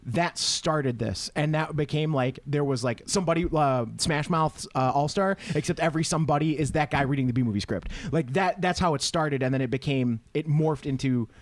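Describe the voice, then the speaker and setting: A young man chats on a podcast in a slightly high voice, rambling and restarting as he gets excited. He laughs often and keeps the talk casual. The sound is dry and close, with no room echo. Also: fairly quick, hardly any pauses. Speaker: podcast co-host. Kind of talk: casual chat.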